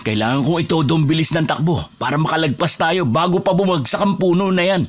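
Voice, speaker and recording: A man's voice: on the high side, fast, close to an everyday voice. A man playing a cocky, teasing big brother. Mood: determined. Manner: boastful, teasing, stubborn. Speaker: older brother driving the car. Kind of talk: horror audio drama acting.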